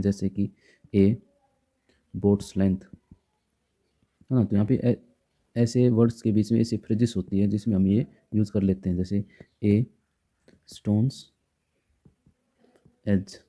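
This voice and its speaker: A man's voice: lowish voice, little pitch movement, normal speed, dark tone. A man teaching a grammar lesson in a patient way, often stopping to check in with his students. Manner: patient, repeats rules with frequent check-ins.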